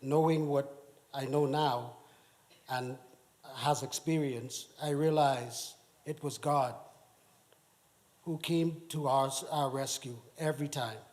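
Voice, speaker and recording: Slow, halting man from the Bahamas. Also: mid-range voice, steady tone, darkish tone. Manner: slow, halting, with many restarts. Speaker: church member giving testimony. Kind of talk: personal testimony in church. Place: church sanctuary.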